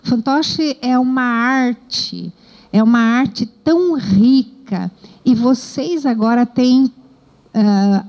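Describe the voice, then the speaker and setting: Brazilian woman educator, slow and warm, encouraging, lots of little tag questions. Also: a little high, low-quality recording. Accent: Brazilian Portuguese. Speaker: educator leading a training. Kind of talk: encouraging workshop feedback.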